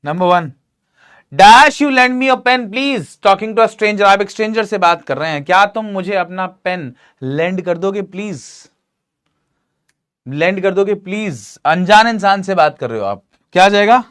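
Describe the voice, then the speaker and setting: A man teaching a grammar lesson in a lively, joking way, often asking his students questions. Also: high-pitched, moderate pace, clean tone.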